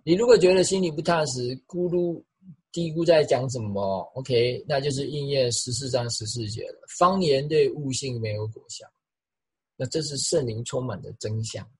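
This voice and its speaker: A middle-aged male pastor giving an animated sermon, repeating phrases for emphasis and imitating the sounds he describes. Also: mid-range voice, a little fast, breathy edge, poor audio.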